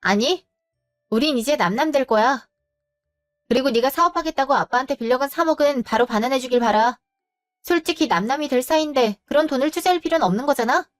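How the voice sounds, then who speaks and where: A woman voicing a sharp young woman who scolds and cuts off her cheating partner, in a storybook drama. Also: sits high, lively intonation, fast talker, faint music behind. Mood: scornful. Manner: scolding, cutting. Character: cold, sharp young woman boss's daughter.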